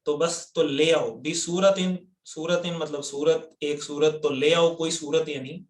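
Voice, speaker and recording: Pakistani male teacher on a video call, higher voice, roomy echo, patient and step by step. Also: fairly even intonation. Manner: patient, explains step by step, quizzes students. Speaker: Quran word-by-word teacher. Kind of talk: online class teaching. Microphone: computer mic on a video call.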